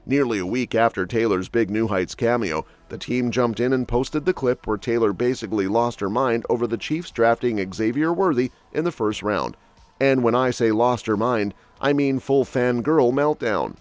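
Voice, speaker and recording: A man with a medium-pitched voice reads scripted entertainment gossip narration at a moderate pace, delivering it snarkily and packing in quips. It's a dry voice-over over a soft music bed.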